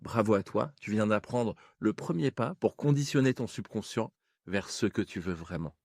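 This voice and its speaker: A man's voice: fairly low pitch, expressive, moderate pace, gravelly, darkish tone, no echo, studio quality. A man working as a hypnosis coach, giving encouraging, informal step-by-step instructions and guided exercises straight to the listener. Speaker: hypnosis coach and video host.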